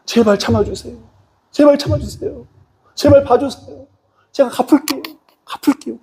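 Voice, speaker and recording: A man's voice: very high-pitched, moderate pace, a little mellow, a little hiss or hum, voice pushed up. A pastor in a sermon acts out a desperate male debtor who begs a king for mercy in a tearful, pleading voice. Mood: begging.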